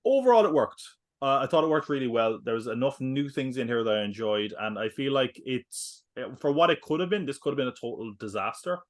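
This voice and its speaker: A male podcast co-host chats about films in a casual, rambling way. His voice sits at an ordinary middle pitch, and his talk is peppered with fillers and quick jokes. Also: very animated. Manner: rambling, filler-heavy, jokey asides. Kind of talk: casual film review chat.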